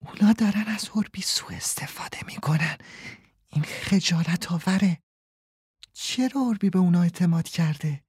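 A man voicing an earnest young boy in a storybook, speaking in a hushed, whispering way. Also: sits high, expressive, no room sound, studio quality, voice pushed up. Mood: whispering, indignant.

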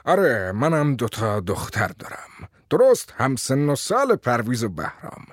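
A man reading a story aloud, voicing a sly middle-aged male businessman who hedges and speaks in a low, hushed tone. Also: sing-song, no room sound, clean studio sound. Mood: cagey. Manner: hesitant, dodging with fillers, low and hushed.

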